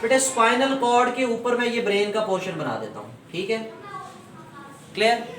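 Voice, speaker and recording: A man's voice: sits high, distant mic. Echoey man teaching class. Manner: asks the students questions and repeats the answers, calls them "beta". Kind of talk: classroom lecture.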